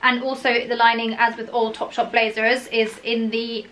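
A woman's voice: on the high side, flat delivery, moderate pace, fairly bright tone. A young woman in her twenties, chatting casually and gushing about clothes in a home haul vlog, full of "like" and "so". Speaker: fashion vlogger.

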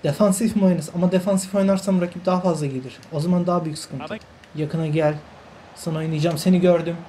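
A man's voice: on the high side, fairly even intonation, fast talker, warm tone, slight background noise. Frustrated young man narrating a football game. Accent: Turkish. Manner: exasperated, talks to players on screen, swears by God, repeats himself. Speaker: gaming channel host. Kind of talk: live gameplay commentary.

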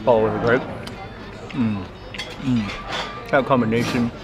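Holding his camera at arm's length, a man in his thirties vlogs his travels and meals around a city, aboard a boat and at a restaurant. His medium-pitched voice is steady and a little slow, though he stays enthusiastic and chatty, relishing food out loud over background music.

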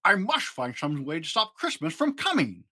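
A man's voice: fairly high pitch, huge pitch swings, normal speed, sharp tone, slightly rough, pitched above the performer's own voice, exaggerated voice. A man voicing a sour, scheming old storybook creature with a snarling, sneering manner. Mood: resentful, sneering. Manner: snarling, growling, hissing sneer.

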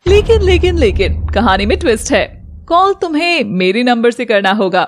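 A woman's voice: fairly high pitch, big pitch swings, normal speed. A woman doing a teasing college girl. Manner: playful, teasing.

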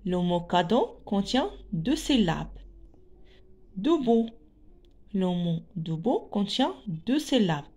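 A woman teacher reads syllables and short words aloud to young children at a very slow pace. She sounds each one out with care and says it again. Her pitch sits in the middle of the range. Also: big pitch swings, mellow. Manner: adds Arabic translations. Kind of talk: reading lesson for young children.

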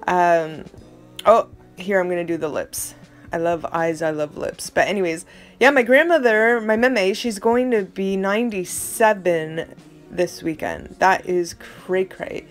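A woman's voice: fairly low pitch, measured pace, faint music behind. A middle-aged woman giving a casual, rambling voice-over of her art process, chatty and self-admittedly dramatic. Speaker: art vlogger.

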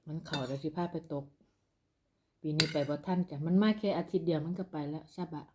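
A woman's voice: low-pitched, brisk, noisy background. A woman from northeastern Thailand with an Isan accent, chatting casually to her followers as she eats. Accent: Isan, northeastern Thai. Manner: talks while eating. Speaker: eating-show vlogger. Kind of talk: casual mukbang chat to followers.

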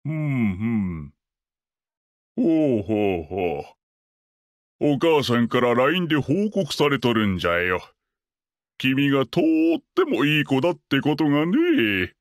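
An actor playing a jolly, gentle old Santa Claus who chuckles and talks in a grandfatherly way to a child. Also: mid-range voice, sing-song, no echo, studio quality. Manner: slow, chuckling grandfatherly speech.

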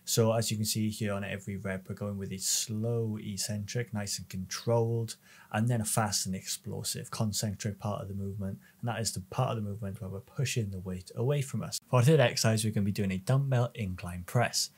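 A man's voice: lowish voice, steady tone, a little fast, a little mellow, slightly rough. A man, explaining gym exercises as a strength coach in a practical, plain way. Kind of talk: instructional workout voice-over. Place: large indoor gym.

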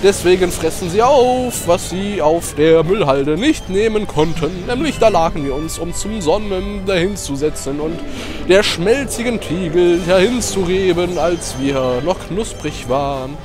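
A young man commentating a video game, fast, jokey and rambling. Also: sits high, animated, over music. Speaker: let's play commentator. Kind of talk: casual gaming commentary.

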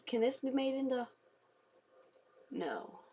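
A tired woman giving casual, chatty commentary on a game she is playing, talking quietly and swearing freely. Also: high-pitched, very animated, slow pace, husky. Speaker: let's play gamer.

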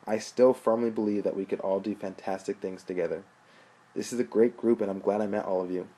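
A man's voice: lowish voice, steady tone, brisk, dark tone, breathy edge. A man voicing an earnest young filmmaker who speaks sincerely to his friends.

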